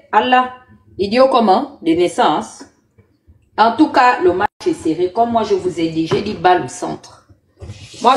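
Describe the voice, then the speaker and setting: A woman's voice: medium pitch, a little mellow. A woman hosting a live commentary, emphatic and exhorting her viewers. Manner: emphatic, exhorting, speaks in repeated appeals. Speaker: live show host.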